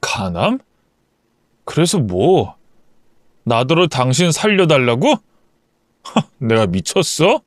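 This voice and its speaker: A man's voice: a little high, very animated, takes it slowly, pauses often, no echo, studio quality, heavily acted. A man voicing a bitter young husband who speaks curtly and with contempt, in an audio story. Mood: contemptuous. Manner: curt, contemptuous.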